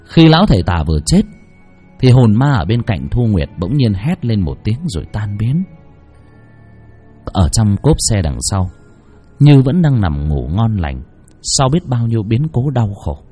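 Husky, expressive male horror storyteller. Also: lowish voice, measured pace, soft background music. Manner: expressive, suspenseful. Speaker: narrator. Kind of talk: dramatic horror story narration.

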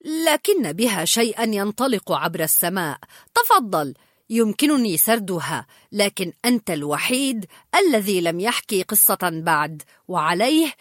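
Friendly reassuring young man, good-humored, voice with lively swings, dry close sound, storybook reading, as a woman puts him on. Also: mid-range voice, normal speed, no room sound.

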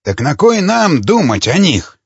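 A man voicing a cynical, sneering male fighter with a husky voice. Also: fairly high pitch, sing-song, measured pace, no room sound, pitched above the performer's own voice, heavily acted. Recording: dull lo-fi recording.

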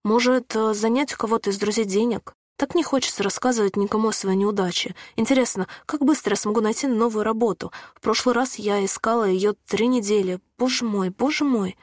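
A woman's voice: on the high side, fairly quick, few pauses, no room sound, clean studio sound, close to an everyday voice. A woman voicing an anxious young woman who worries and pleads in a storybook reading. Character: young woman gripped by a panic attack.

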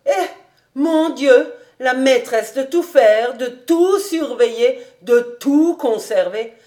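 Woman reader as old housekeeper: fussing, coaxing, a touch high, slow delivery. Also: warm tone. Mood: wistful. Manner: eager, coaxing, chattering. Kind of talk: audiobook character reading.

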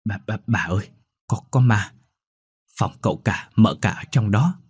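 A man's voice: lowish voice, big pitch swings, moderate pace, breathy edge, no echo, heavily acted. A man voicing a frightened young servant girl who stammers and pleads in a ghost story. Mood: scared. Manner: stammering, fearful.

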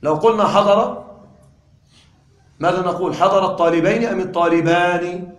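A man with a high-pitched voice lectures a class on grammar, checking in with his students again and again and hammering each point home. The room adds a clear echo around him. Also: slight background noise. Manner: quizzes the class with frequent questions; repeats key points deliberately. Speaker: grammar teacher.

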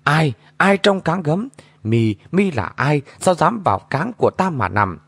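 A man voicing an imperious female martial-arts sorceress who barks commands and shouted questions. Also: medium pitch, big pitch swings, moderate pace, breathy edge, no room sound. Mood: angry demanding.

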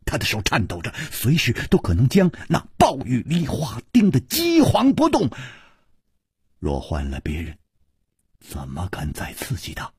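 A man's voice: fairly low pitch, huge pitch swings, moderate pace, darkish tone, breathy edge, dry recording, clean studio sound. A man narrating a martial-arts story in a dramatic storytelling manner.

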